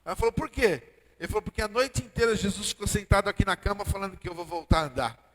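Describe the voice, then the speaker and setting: A man's voice: high voice, fast talker, a bit bright. A man with a Brazilian Portuguese accent preaching a sermon as pastor, often asking the church "Amém?". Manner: preaching with call-and-response "Amém?". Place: church hall. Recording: long church-hall reverb.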